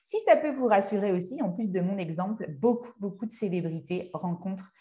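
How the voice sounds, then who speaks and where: A woman in her thirties, a hypnotherapist, giving a motivational workshop talk in a conversational, halting way as she searches for words. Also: medium pitch, warm tone. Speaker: speaker and hypnotherapist.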